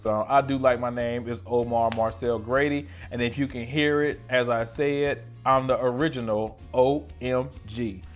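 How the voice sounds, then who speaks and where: A man's voice: moderate pace, hardly any pauses, faint music behind. A man, answering questions about himself in a casual, slangy vlog, talking close to the camera in a small room. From North Carolina, USA. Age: 30s. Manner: playful, slangy, animated, jumps between loud exclamations and low asides. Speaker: esthetician vlogger. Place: small room lit by colored lights. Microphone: camera in front of him at close range.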